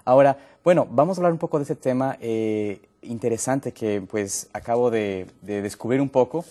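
Mellow-voiced pastor hosting a health show. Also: male voice, mid-range voice, moderate pace. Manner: friendly, stumbles and restarts. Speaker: host and pastor. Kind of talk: hosting a health talk program.

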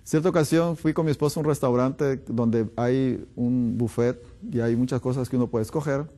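A middle-aged male doctor giving a health talk, asking rhetorical questions and answering them in a lowered voice. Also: moderate pace, warm tone. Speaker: physician.

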